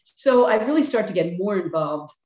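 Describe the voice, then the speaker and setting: A woman's voice: mid-range voice, expressive, moderate pace, darkish tone. Older Philly woman, frank retired coach; roomy, muffled sound. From Philadelphia. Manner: frank, plainspoken, acts out quotes of herself and players. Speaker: retired basketball coach, guest. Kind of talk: reflective interview answers. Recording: echoey, dull-sounding room.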